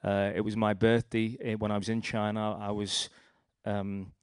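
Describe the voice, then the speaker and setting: A man's voice: lowish voice, little pitch movement, normal speed, clear, resonant tone, no room sound, clean studio sound. A young man with a Liverpool accent giving a rambling personal testimony, telling his story with restarts and acted-out quotes. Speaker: speaker sharing a testimony.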